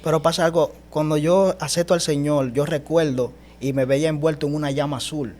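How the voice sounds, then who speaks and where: A man's voice: on the high side, steady tone, brisk, a little mellow. A man recounts his spiritual experience as an interview guest, speaking with emphatic conviction. He keeps turning to the host with a familiar "brother". A faint hum sits under his voice. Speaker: guest telling his testimony. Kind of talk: animated personal testimony.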